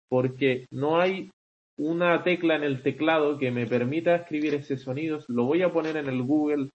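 A man's voice: on the high side, dull audio. A man teaching English poetic meter in an online class, talking conversationally and checking in with frequent rhetorical "vale", with some hesitant restarts.

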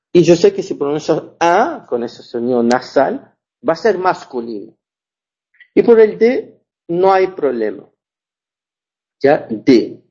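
A man gives a language lesson at an unhurried pace, repeating himself and checking that his students understand. His voice is mellow and a little husky. The recording sounds dull and lo-fi. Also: a little high. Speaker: French teacher.

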